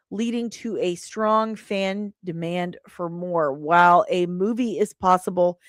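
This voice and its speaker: A woman with a mid-range voice, captured dry at studio quality, hosts a casual entertainment livestream. Her chat about the latest entertainment news is playful and teasing, full of repeated phrases for emphasis.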